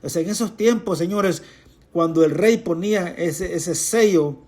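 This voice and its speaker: A woman reading a Bible passage verse by verse, pausing to repeat, explain and speak directly to her listeners. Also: on the low side, mellow. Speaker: Bible teacher. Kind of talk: reading scripture with commentary.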